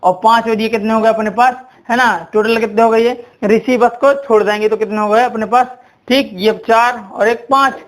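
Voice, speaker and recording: Guy with a high voice running a grammar class, keeps quizzing and saying "theek hai". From India. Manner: repetitive, quizzing with "ठीक है" and "कितने होते हैं?". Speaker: teacher.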